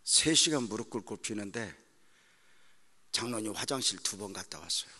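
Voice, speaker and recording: A middle-aged male pastor preaching with a very bright, forceful edge to his voice. He tells his story with raw emotion, breaking out loud one moment and dropping to a near-whisper the next. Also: on the low side, lively intonation, normal speed. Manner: emotional storytelling, swings from shouting to hushed prayer. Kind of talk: sermon.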